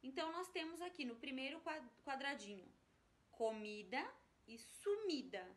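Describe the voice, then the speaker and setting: A woman's voice: high-pitched, animated, normal speed, a bit bright. A woman teacher from Brazil, patiently walking young pupils through a workbook exercise step by step.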